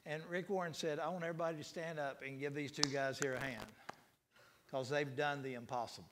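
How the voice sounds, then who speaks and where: Male pastor, middle-aged, folksy sermon delivery, slightly high-pitched, builds to fervor. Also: steady tone, brisk, noisy background. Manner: folksy storytelling with rising preacher intensity.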